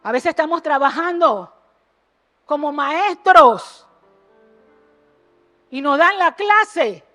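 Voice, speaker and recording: A woman preaching an impassioned sermon in a church, jumping between loud exhortation and low earnest asides and firing rhetorical questions at the congregation. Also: expressive, slow pace, faint music behind. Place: church sanctuary.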